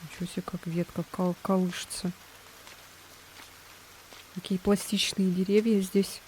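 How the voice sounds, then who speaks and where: A woman doing casual let's-play commentary as a game streamer, chatty and quick to exclaim and giggle in reaction. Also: lowish voice, little pitch movement, a little mellow, slight background noise, poor audio.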